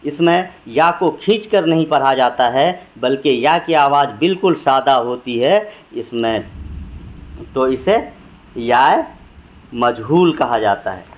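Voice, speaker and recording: A man's voice: mid-range voice, lively intonation, slow pace. A man teaching a grammar lesson for exam preparation, patiently listing example words one at a time and repeating them.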